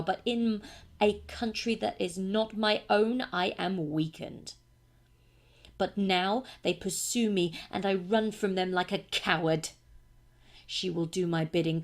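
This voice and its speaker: A woman playing a proud, hunted vampire count in a slow, brooding, theatrical monologue. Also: fairly low pitch, creaky. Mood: menacing.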